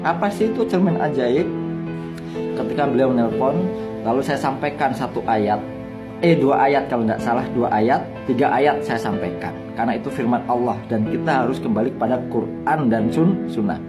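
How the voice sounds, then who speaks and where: A man's voice: medium pitch, moderate pace. A male Islamic preacher giving a sermon, telling a story and firing rhetorical questions at his listeners. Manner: storytelling, rhetorical questions, addresses the audience directly. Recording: guitar music underneath.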